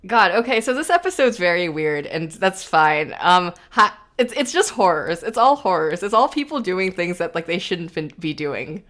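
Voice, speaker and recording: A woman's voice: on the low side, big pitch swings, normal speed, hardly any pauses, fairly bright tone, faint music behind. A woman hosting a podcast in casual chat, rambling and self-deprecating with frequent laughs. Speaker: podcast host.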